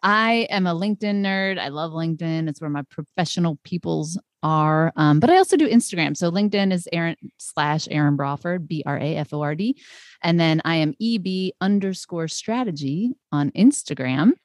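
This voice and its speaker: A woman's voice: lowish voice, lively intonation, moderate pace, no echo, clean studio sound. A woman with a Boston accent, chatting informally as a guest on a podcast. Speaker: guest consultant. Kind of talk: casual podcast conversation.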